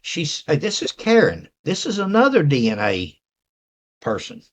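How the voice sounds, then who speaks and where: A man's voice: fairly high pitch, huge pitch swings, moderate pace. A man with an Appalachian accent hosting a casual, rambling talk to viewers and reading messages aloud. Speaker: host.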